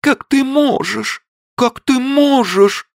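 A man reading an audiobook and voicing a frightened, whiny young actress with shrill, plaintive cries. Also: expressive, measured pace, fairly bright tone, no echo, clean studio sound. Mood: frightened wailing.

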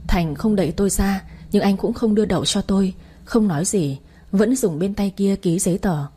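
A woman's voice: mid-range voice, moderate pace, dark tone, husky. A woman narrating a first-person audiobook in a grieving, emotional way.

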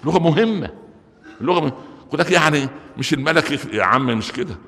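Egyptian guy giving a friday sermon, talks fast, lots of questions to the crowd, booming reverb hall. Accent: Egyptian Arabic. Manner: lively, joking, full of rhetorical questions. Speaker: preacher. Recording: long reverb of a large hall.

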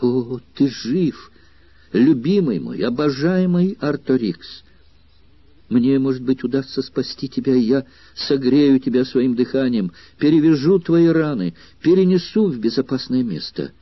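A man's voice: mid-range voice, lively intonation, measured pace, slightly rough, no room sound, muffled recording, voice pushed up. A man voicing a passionate, desperate young woman lover in an audiobook, speaking in a raised, urgent, pleading voice.

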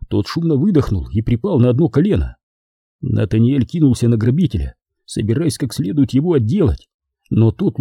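Dark, husky audiobook narrator. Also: male voice, mid-range voice, no room sound, clean studio sound. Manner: expressive, dramatic reading.

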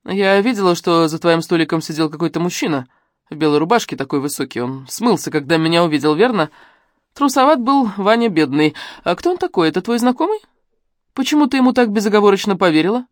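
A woman's voice: medium pitch, animated, quick pace, no echo, clean studio sound, voice pushed up, lightly acted. A woman reading an audiobook and voicing a cold, mocking middle-aged widow who speaks curtly. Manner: cool, curt, mocking. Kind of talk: audiobook dialogue.

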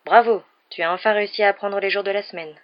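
A woman's voice: medium pitch, steady tone, quick pace, lightly acted. Woman doing a cool, sarcastic boy wizard. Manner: dry and cutting. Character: sharp-tongued boy wizard, cold and defiant. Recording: dull lo-fi recording.

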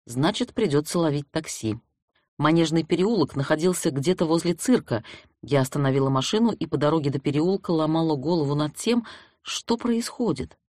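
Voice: mid-range voice, a little fast, dry recording, clean studio sound. Ironic first-person audiobook narrator. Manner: ironic, lively storytelling.

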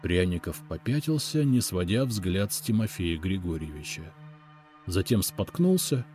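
A man narrating a story in the first person, in an expressive, lively storytelling manner. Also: low-pitched, unhurried, soft background music. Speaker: audiobook narrator.

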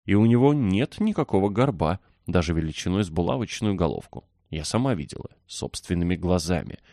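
A man's voice: sits low, sing-song, brisk, mellow, no echo, studio quality. A man voicing an insistent, exclaiming young girl in a storybook reading. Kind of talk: audiobook character voice.

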